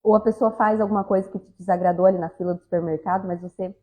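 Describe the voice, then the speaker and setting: A woman's voice: mid-range voice, steady tone, very fast, darkish tone, rough recording. A woman giving a spiritist talk, speaking conversationally and often addressing the audience directly. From southern Brazil. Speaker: lecturer at a spiritist center.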